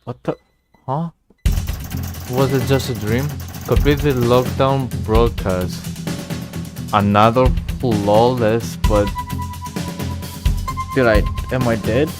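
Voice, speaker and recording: A woman's voice: a bass voice, fairly even intonation, takes it slowly, pauses often. A woman streaming a game, reacting aloud with short slangy asides. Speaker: gaming streamer. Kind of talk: casual live gameplay commentary. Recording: game music playing behind.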